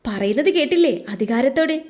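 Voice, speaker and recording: A woman plays a shrill, bossy middle-aged housemaid in a read-aloud story. Her voice rides high and loud, snapping out scoldings in quick bursts, yet keeps a mellow, soft-edged tone. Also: expressive.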